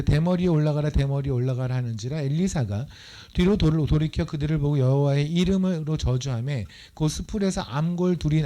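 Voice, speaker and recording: A male missionary preaching a lively Bible study sermon in a church, playful and teasing, acting out voices as he explains scripture. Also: on the high side.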